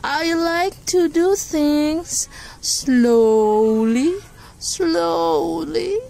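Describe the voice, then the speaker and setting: A woman voicing a calm, unbothered rainforest sloth from a storybook, with a drawn-out, languid, dreamy delivery. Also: very high-pitched, creaky, pitched above the performer's own voice, heavily acted. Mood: placid.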